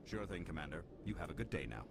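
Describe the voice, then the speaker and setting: A man's voice: deep voice, very animated, fast talker, gravelly, noisy background, heavily acted. An actor voicing a polite male bystander in a video game, folksy and brief.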